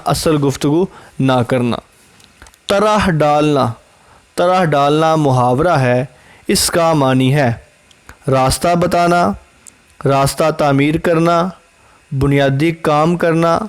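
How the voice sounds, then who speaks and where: A man with a Pakistani accent giving an exam-prep lecture. He reads each quiz question and its options in a measured way, then repeats the correct answer. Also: on the high side, smooth. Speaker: teacher.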